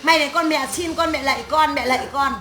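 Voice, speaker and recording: A woman's voice: high voice, steady tone, fast talker, pushed and bright, a little hiss or hum. A woman medium voicing the spirit of a stern old great-grandmother in a séance, scolding her family in a harsh, crude tirade full of curses. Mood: ranting. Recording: echoey room.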